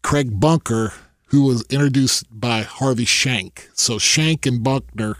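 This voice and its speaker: A man's voice: mid-range voice, takes it slowly, no room sound, clean studio sound. A middle-aged man telling golf stories in casual chat, rambling with many restarts, laughing often and acting out what others said.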